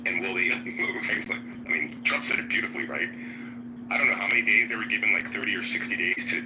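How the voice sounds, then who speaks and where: A man's voice: low-pitched, fast talker. A man giving informal political commentary in an emphatic way, often checking in with a questioning tag. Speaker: panelist. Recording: clearly noisy live audio chat.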